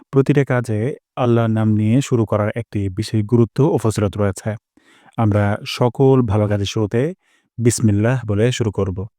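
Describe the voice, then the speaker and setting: A man teaching a pronunciation lesson for recitation, explaining calmly and stretching each sound out slowly as he demonstrates. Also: lowish voice, dry recording, studio quality. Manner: slow, drawn-out demonstrations of each sound, repeated.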